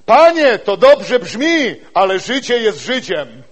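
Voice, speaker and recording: An anxious, elderly priest in a spoken sermon tale, pleading in a high, strained voice as a preacher puts him on. He questions and doubts what he has been told. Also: sing-song, slow, exaggerated voice. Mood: doubtful.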